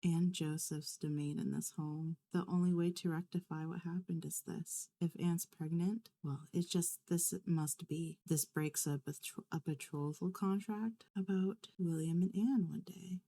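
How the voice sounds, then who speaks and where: A woman's voice: lowish voice, creaky, dark tone. A woman giving let's play commentary on a life-simulation game, telling its story with dramatic exasperation.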